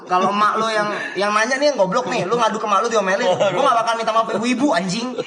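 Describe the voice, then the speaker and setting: High-voiced ranting streamer. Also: male voice, fast. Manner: loud, cursing, laughing rants at chat. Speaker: live streamer. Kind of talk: ranting live-stream chat. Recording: echoey room with crowd noise.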